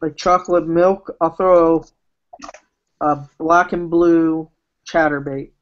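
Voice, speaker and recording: A man's voice: fairly high pitch, fairly even intonation, slow pace. A young man hosting a casual livestream chat, chatty and rambling with lots of fillers, heard over a video call. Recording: muffled video call audio.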